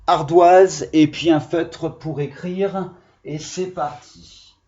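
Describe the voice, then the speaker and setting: A man's voice: a little high, fairly even intonation, takes it slowly, mellow, dull audio. A male primary school teacher giving a video phonics lesson to young children, patiently sounding out syllables.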